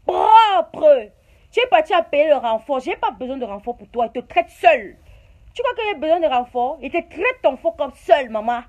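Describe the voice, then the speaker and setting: Cameroonian French woman, high voice, confrontational vlog rant, repetitive scolding jabs. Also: sing-song, a little fast, darkish tone. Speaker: YouTuber.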